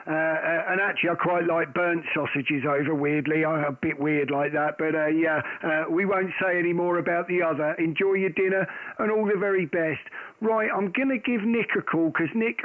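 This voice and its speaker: A man's voice: a little high, no room sound, narrow, tinny audio. A man hosting amateur radio, chatting in a casual, rambling way and calling out call signs. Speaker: host of a live amateur radio stream. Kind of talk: casual radio chat and call-sign exchanges. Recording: thin band-limited radio-like sound, dry.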